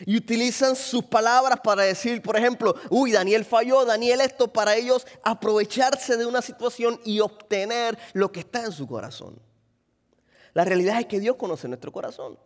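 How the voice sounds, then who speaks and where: A man's voice: high-pitched, in a large hall. A man preaching a sermon as a pastor, asking the congregation questions and acting out little quotes. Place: church.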